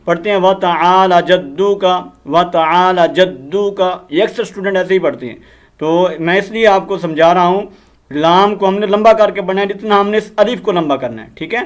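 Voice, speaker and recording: Guy w/ a fairly high voice teaching recitation, repeats words slow to fix errors. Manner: drills Arabic words slowly, corrects common mistakes. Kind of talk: Urdu recitation lesson.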